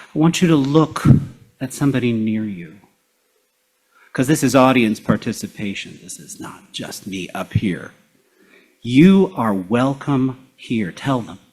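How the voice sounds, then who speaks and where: A man's voice: medium pitch, normal speed. A man leading a worship congregation in call-and-response, coaxing everyone to repeat after him during a fellowship service. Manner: rousing, coaxing the audience to repeat. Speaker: lay reader of welcoming words.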